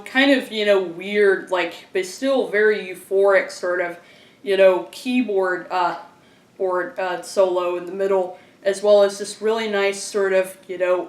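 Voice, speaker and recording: A man giving a casual, enthusiastic album review, rambling with lots of fillers and restarts. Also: sits high. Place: a room at home. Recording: roomy echo, mic at a distance.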